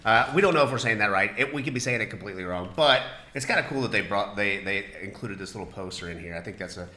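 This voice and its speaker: A man's voice: lowish voice, expressive, fast, pushed and bright. A man hosting a casual game review chat, rambling with many fillers and restarts. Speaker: channel host. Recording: echoey room with music underneath.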